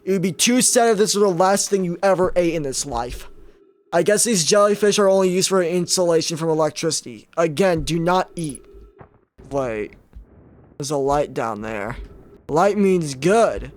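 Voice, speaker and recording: A man's voice: on the high side, normal speed. A young man giving casual, joking commentary as he plays a game and talks to himself. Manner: joking, self-talk. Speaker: gaming YouTuber.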